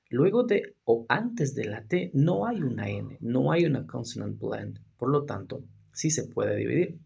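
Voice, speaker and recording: A man walks through a grammar lesson, posing rhetorical questions and checking in with his students as he goes. His voice is very husky and heavily gravelly, sitting at a middle pitch. He is a native Spanish speaker teaching English. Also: a little mellow, lo-fi sound.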